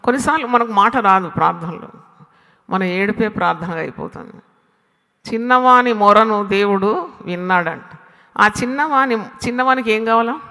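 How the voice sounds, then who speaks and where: A woman preacher delivering an animated sermon, firing rhetorical questions at her listeners and slipping English phrases into her talk. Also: medium pitch, big-room sound.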